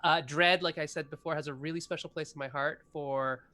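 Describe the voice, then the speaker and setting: Here the same kind of speaker, a forties game designer guesting on a casual interview, talks eagerly and wanders, using plenty of fillers. He's slightly high-pitched and a bit quick, with fairly even intonation and a pushed, bright sound.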